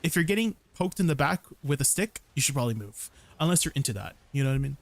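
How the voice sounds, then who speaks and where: This young male game streamer talks fast and very animatedly, with a medium-pitched voice and vocal fry. Chatty and casual, he explains combos during his livestream, answers viewers' questions, and often ends sentences with "right?".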